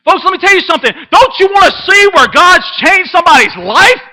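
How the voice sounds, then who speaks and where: A middle-aged man preaching to a church class over a webcam, his voice unusually high and sharp-edged. He repeats phrases for effect and swings between hushed asides and fervent, raised declarations. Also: big pitch swings, a little fast, rough recording. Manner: impassioned, repeats himself, swings from hushed to loud. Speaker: Sunday school teacher. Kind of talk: sermon.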